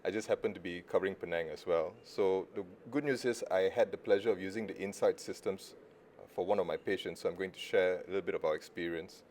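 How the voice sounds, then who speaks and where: A man's voice: low-pitched, steady tone, fast talker, darkish tone, a little hiss or hum. A middle-aged man from Malaysia, a surgeon giving a conference talk in a casual, joking way with self-deprecating asides. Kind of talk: conference presentation.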